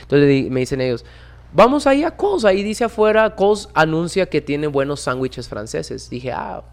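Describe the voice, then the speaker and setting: A man in his twenties with a Mexican accent, a podcast guest telling a story in casual chat, animated, slangy and swearing often. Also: on the high side, moderate pace, gravelly. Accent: Mexican Spanish. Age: 20s.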